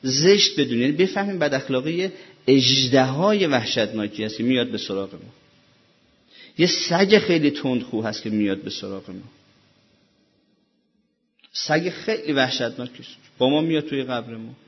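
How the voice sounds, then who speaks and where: A man's voice: medium pitch, expressive, pauses often, husky, lo-fi sound. A man preaching a sermon as a religious lecturer, pressing his listeners with rhetorical questions in a row.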